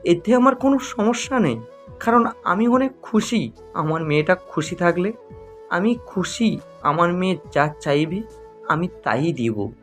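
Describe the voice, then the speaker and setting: A man's voice: high voice, lively intonation, measured pace, soft background music. A man voicing an older father who pleads through tears, in an audio story. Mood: relieved. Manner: tearful and begging.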